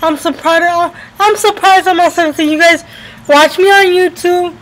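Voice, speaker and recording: This vlogger, a US woman in her twenties from New Jersey and Florida, has a very high, steady, slightly bright voice and speaks at normal speed. Talking casually to camera at home by a window, she repeats phrases for emphasis, and the audio from her arm's-length webcam is poor.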